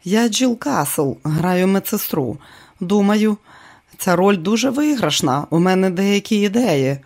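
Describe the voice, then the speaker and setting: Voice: mid-range voice, lively intonation, normal speed, natural voice. A reader voicing a nervous young actress, earnest and hesitant, in an audiobook. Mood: eager. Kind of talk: audiobook character voice.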